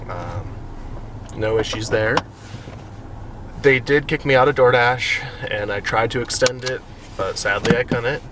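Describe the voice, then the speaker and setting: A man talking casually and chattily to viewers in an upbeat vlog update as a food delivery driver. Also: medium pitch. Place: in and around a car, between deliveries. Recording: clear car and street noise.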